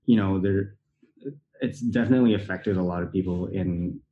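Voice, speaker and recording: A man with a very low voice talks softly and hesitantly, with many fillers. He is the one asking questions in a casual chat. The recording sounds dull and lo-fi. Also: normal speed, slight background noise. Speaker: interviewer. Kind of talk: casual conversation.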